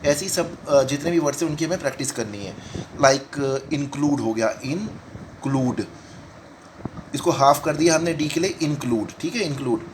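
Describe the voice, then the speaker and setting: A man teaching shorthand in a step-by-step lesson, repeating each word slowly as he writes it out. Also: a little high, expressive, background noise. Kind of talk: step-by-step lesson talk in Hindi-English mix.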